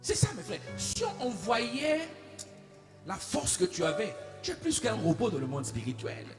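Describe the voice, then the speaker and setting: A man preaching a sermon as a pastor, telling a story, swinging between hushed asides and shouted declarations. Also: high-pitched, huge pitch swings, a little slow. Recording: echoey room with faint music.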